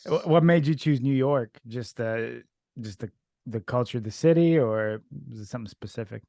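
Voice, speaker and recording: A man's voice: mid-range voice, moderate pace, gravelly, dark tone, no room sound. Podcast host, male, Russian native speaker, rambling chatty delivery, dry close sound. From Ukraine. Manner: rambling, many fillers and restarts. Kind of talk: casual interview.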